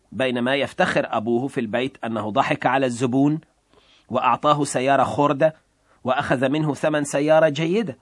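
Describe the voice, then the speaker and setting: A man's voice: mid-range voice, no echo. Earnest male story narrator, dry sound.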